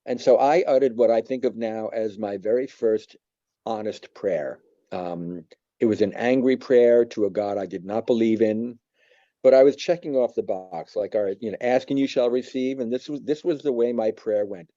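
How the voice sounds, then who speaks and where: A man in his seventies from New York, telling a personal faith testimony in a reflective, halting way with many pauses. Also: fairly low pitch, dark tone, no echo, lo-fi sound. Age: 70s. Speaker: church member giving testimony.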